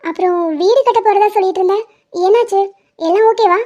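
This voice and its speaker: A woman voicing a caring young college friend in an animated drama, reassuring her in a lightly teasing way. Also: very high-pitched, fairly quick. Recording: dull lo-fi audio.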